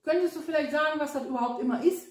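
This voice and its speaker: A woman's voice: high voice, rapid-fire, background noise. A woman co-hosting a casual chat among friends, laughing often and stumbling over fillers. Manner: laughing, hesitant with many fillers. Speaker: co-host. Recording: echoey room.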